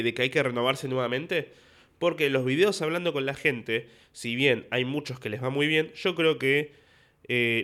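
A man's voice: medium pitch, fairly bright tone. A young man with a Rioplatense Argentine accent talks in a loose podcast monologue. He is a stand-up comedian who recounts stories from his shows and slips into voices for the people he met. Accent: Rioplatense Spanish. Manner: storytelling with acted-out dialogue.

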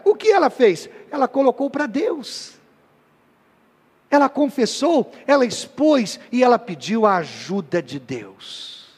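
A man's voice: very high-pitched, husky. A man preaching a sermon with emphatic delivery, now and then acting out the voices of the people he quotes. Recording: long hall reverb.

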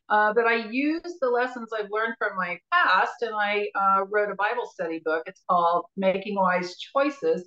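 An older woman, a business and life coach, talking casually in an interview, relaxed and rambling with many fillers. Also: medium pitch. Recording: roomy, dull-sounding audio.

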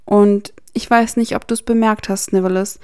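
A woman reading the lines of a hotheaded teenage boy wizard in a German fan audiobook, sharp and defensive. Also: mid-range voice, steady tone, normal speed, clear, resonant tone, no room sound, studio quality, close to an everyday voice. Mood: defiant.

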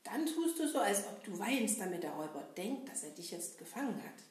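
A woman doing a cheerful brave male puppet hero, lively swooping voice, talks to the kids, roomy echo. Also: on the high side, moderate pace. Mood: whispering. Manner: lively, sing-song, addresses children directly. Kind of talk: children's puppet show.

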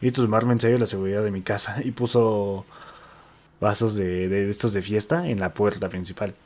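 A man's voice: fairly low pitch, normal speed. A man with a Mexican accent, reading posts aloud to a friend in casual chat with slangy asides and restarts. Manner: relaxed, slangy, reads with restarts.

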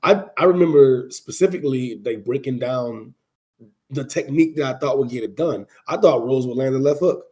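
A man hosting a casual sports panel discussion, speaking haltingly with repeated and restarted phrases. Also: mid-range voice, a little mellow. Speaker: panel host.

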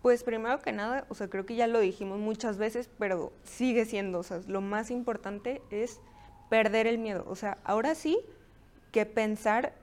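A woman's voice: fairly high pitch, normal speed, darkish tone. Woman speaking casually as a guest. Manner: casual, fills speech with "o sea". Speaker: guest entrepreneur. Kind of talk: conversational interview.

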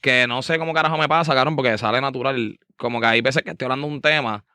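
A man's voice: mid-range voice, steady tone, fast talker, pushed and bright, no room sound, studio quality. A Puerto Rican man, a podcast host, chatting loosely in slang about how he runs his show. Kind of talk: casual podcast chat.

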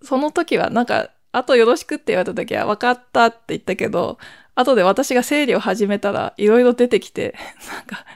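A woman's voice: fairly high pitch, animated, a little fast, vocal fry, no room sound, studio quality. A woman in her forties hosting her own podcast at home at night, chatting in a rambling way, laughing at herself and keeping her voice down. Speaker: podcast host. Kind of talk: casual solo chat.

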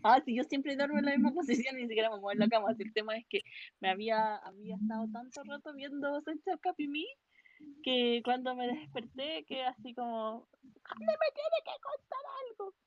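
A woman with a Chilean accent telling a story in a casual chat, animated and slangy. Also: a little high, a little fast, dry recording, muffled recording.

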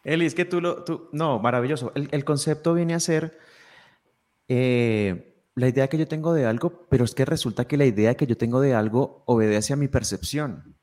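A man's voice: medium pitch, normal speed, a little mellow. A man speaking as a guest in a podcast conversation, explaining ideas reflectively with frequent restarts.

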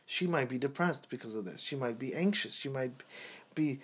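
A man's voice: medium pitch, lively intonation, moderate pace, fairly bright tone, breathy edge. A man in his thirties co-hosting a casual talk show, speaking in an earnest, preachy, emphatic way. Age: 30s. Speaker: podcast co-host.

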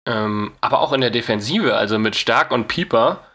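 A man of middle pitch co-hosts a football podcast in an easygoing, agreeable way. He often answers with brief yeses before building out his own point. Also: expressive, moderate pace, fairly bright tone, breathy edge. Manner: easygoing, agreeable, short replies. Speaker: podcast co-host. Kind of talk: casual football chat.

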